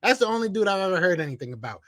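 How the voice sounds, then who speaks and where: A man with a Philadelphia accent hosting a live sports podcast, reading out chat comments and trash-talking in a casual, animated way. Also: high-pitched, rapid-fire, no room sound. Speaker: podcast host.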